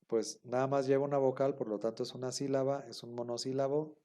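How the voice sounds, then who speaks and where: Patient man teaching, mellow voice. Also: mid-range voice, steady tone, a little fast. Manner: patient, explains step by step, checks understanding often. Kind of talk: online class lecture.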